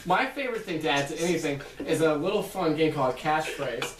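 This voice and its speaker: A man's voice: fairly high pitch, lively intonation, slight background noise. A man, a guest comedian, chatting casually and restarting his sentences. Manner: halting, repeats himself. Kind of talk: casual drunk chat among comedians. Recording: echoey room from a far camera.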